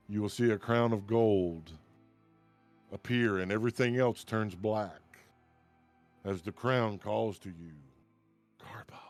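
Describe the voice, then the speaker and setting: A man narrating a tabletop game as game master, in a slow, solemn storytelling manner. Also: on the low side, darkish tone.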